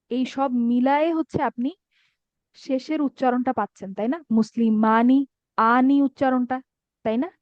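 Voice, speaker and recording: An Arabic grammar teacher with a high-sitting voice leads an online class, patient and regularly confirming her students keep up. There's no room sound; the audio is dull, dry, and lo-fi.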